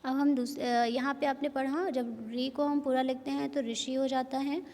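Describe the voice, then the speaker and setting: A woman teaching a primary school Hindi lesson, slowly spelling out syllables and repeating words. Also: high voice, flat delivery, a little mellow, long reverb tail. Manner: slow, repetitive, spells out syllables. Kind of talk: classroom lesson.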